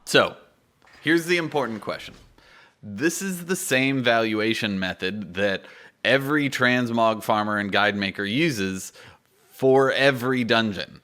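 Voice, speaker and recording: A man's voice: mid-range voice, measured pace, fairly bright tone. A man in his twenties hosting a gaming guide, explaining in an informal, conversational and emphatic way into a close studio microphone. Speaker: YouTube gaming guide host. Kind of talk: informal explanatory video commentary. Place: small indoor home studio. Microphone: close microphone on boom arm.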